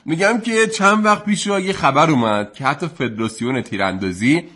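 A man's voice: fairly high pitch, pushed and bright. A man hosting a comedy sports radio show, teasing his co-hosts in a mock-formal presenter manner. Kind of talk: jokey radio banter. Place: radio studio.

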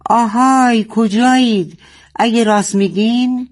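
A woman's voice: lowish voice, animated, a little mellow, voice pushed up. Frustrated father as a woman plays him, angry, cursing, storybook reading. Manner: angry, cursing under breath. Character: frustrated father at a sonar monitor.

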